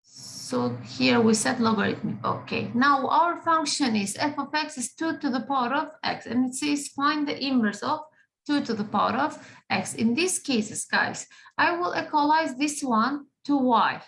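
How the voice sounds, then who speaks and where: A woman's voice: high-pitched, lively intonation, a little slow, gravelly, fairly bright tone, a little hiss or hum, poor audio. A woman teaching a math class, patient, often checking in with the students. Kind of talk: classroom lesson.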